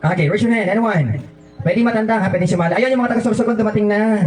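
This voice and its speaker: A man's voice: high-pitched, fast talker. A man hosting a children's birthday party as a clown, running guessing games in a playful, teasing way. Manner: playful and teasing, mixing English and Filipino. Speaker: party host dressed as a clown. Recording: echoey room, mic far off.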